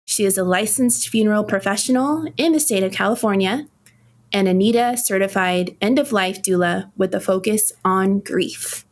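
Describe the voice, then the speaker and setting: A woman co-hosting a podcast, reading a guest introduction in a steady, scripted way. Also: medium pitch, moderate pace. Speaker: podcast co-host.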